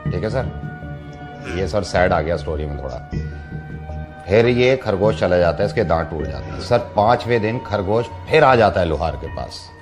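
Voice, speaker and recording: Teasing male radio host. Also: on the low side. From based in Delhi. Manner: teasing, storytelling, chatty. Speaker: radio host making prank calls. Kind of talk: playful prank call banter. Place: radio studio.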